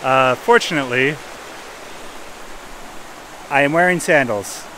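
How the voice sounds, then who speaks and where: A man talking casually and conversationally in an easygoing outdoor vlog, recorded near rushing creek water. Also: medium pitch, bright, forceful tone, slight background noise, low-quality recording. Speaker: vlogger. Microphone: camera on a tripod, fairly close.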